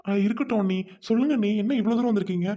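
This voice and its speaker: A woman's voice: mid-range voice, warm tone, close to an everyday voice. A woman voicing an anxious lovesick college boy. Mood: earnest. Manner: quick, earnest, worried. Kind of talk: amateur audio drama.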